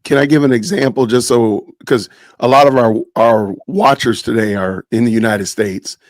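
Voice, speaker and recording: A man's voice: mid-range voice, normal speed, no room sound. A man hosting a live stream podcast, casual and joking, often saying "man" and "y'all", talking over a video call. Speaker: podcast host.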